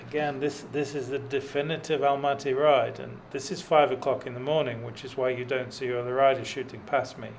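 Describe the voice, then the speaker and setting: A middle-aged cycling vlogger gives dry, self-deprecating, filler-laden commentary while pedaling up a mountain road. His mid-range voice is gravelly and brisk, with fairly even intonation and few pauses, and the poor audio has slight background noise.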